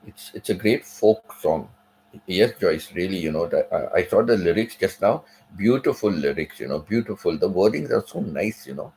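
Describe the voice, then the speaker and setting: A middle-aged livestream host chats casually while reading viewer comments, telling a story and repeating his points as he goes. His low-pitched voice is animated and darkish in tone, moving at a moderate pace. The recording is low quality.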